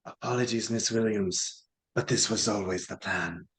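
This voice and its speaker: A man voicing a cold scheming male sorcerer king who speaks quietly and smugly. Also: lowish voice, normal speed, natural voice.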